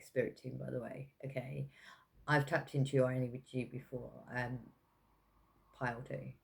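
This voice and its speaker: A woman giving a casual pick-a-pile tarot reading, talking in a meandering, hesitant way with many fillers, self-corrections and soft laughs. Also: sits low. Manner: chatty with frequent soft laughs. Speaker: tarot reader.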